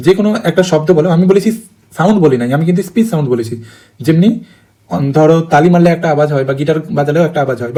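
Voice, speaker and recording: A male teacher giving a lesson in a brisk way, asking and answering his own questions and checking in with his students again and again. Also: a little high, warm tone. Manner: repeats key terms, checks in with "okay?". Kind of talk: online lesson.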